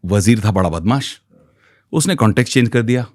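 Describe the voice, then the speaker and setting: Middle-aged Indian guest, low voice, expressive, mixes Hindi and English. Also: male voice, a little fast. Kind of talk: podcast conversation.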